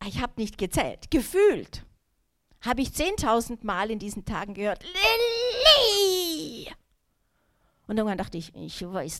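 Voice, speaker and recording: A woman in her thirties giving a personal testimony in a sermon, telling her story in a lively way, acting out her own thoughts and talking straight to the listeners. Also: a little high. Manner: direct, addresses the listeners.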